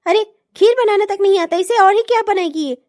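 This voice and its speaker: A woman's voice: very high-pitched, brisk, a little mellow, dry recording, studio quality. A woman voicing a bratty teenage sister-in-law in a comic cartoon, teasing and sarcastic with frequent giggles.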